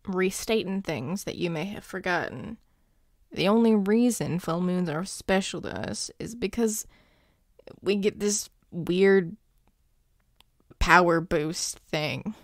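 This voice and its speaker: In an intimate audio roleplay, a woman plays a grumpy but devoted young male werewolf boyfriend, using a lowish, gravelly voice recorded very dry with no room sound. She speaks haltingly and directly to a loved one, gruff yet tender, with a tender, reassuring mood.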